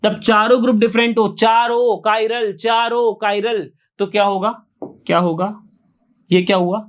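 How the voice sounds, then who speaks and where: A man's voice: high-pitched, fairly even intonation, unhurried. A man teaching chemistry online, repeating each question to his students and answering it himself, often asking yes or no. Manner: coaxing, keeps asking yes or no. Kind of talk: online exam-prep lecture.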